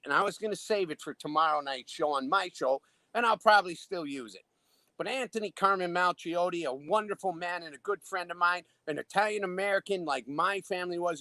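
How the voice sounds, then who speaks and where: A man's voice: sits high, sharp tone, no room sound. A man who hosts his own show, talking in an emphatic, indignant way in a heated political discussion. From Illinois. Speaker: show host.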